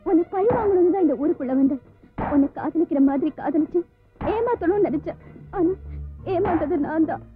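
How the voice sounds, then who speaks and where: An actress playing a remorseful young village wife, pleading emotionally in an old film scene. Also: female voice, extremely high pitch, fairly quick, long pauses. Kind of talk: 1990s film acting. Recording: tinny lo-fi film soundtrack with music.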